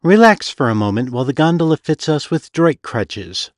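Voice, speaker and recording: A man's voice: a little high, sing-song, moderate pace, dry recording, pitched above the performer's own voice. A man voicing a haughty female demon baron with a dry, teasing, brochure-like manner. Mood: sly.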